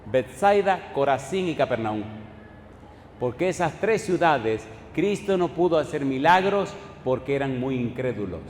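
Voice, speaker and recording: A male pastor preaching a sermon, pressing the congregation with repeated yes-or-no questions and dropping from loud exclamations to soft, hushed storytelling. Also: mid-range voice, very animated, measured pace. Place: church sanctuary. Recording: church hall reverb, faint room noise.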